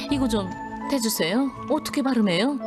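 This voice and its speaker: A young student speaks slowly with a lively, wide-ranging voice. Loud music plays under the TV drama recording. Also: female voice, a little high. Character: young female night-school student, earnest and touchy.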